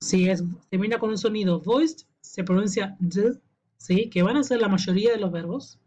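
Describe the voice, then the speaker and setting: A woman's voice: medium pitch, moderate pace, warm tone. Woman teaching pronunciation, patient, keeps asking "sí?", kinda lo-fi audio. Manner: patient, checks in with frequent "¿sí?". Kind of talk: explanatory lesson to camera.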